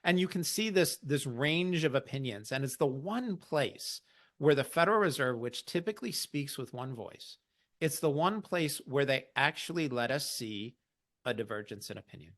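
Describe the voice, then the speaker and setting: A man's voice: mid-range voice, normal speed. A man hosting an investing podcast, explaining central bank news in a wry, conversational way. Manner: explanatory, wry, lively asides. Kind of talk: conversational market commentary.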